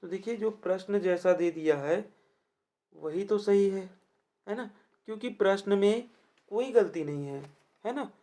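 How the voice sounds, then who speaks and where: A teacher walking students through exam questions, voice sitting at an ordinary middle pitch. The delivery is built around rhetorical check-in questions, and each answer is repeated so it sticks. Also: a little slow, long pauses, dark tone. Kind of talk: explaining test questions to students.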